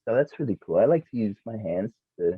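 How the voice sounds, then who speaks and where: A man's voice: lowish voice, animated, quick pace, husky, dry recording. Laid-back man on a tinny line. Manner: rambling, laid-back, frequent fillers and laughs. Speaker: musician guest. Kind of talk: casual interview chat. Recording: tinny phone-like remote audio.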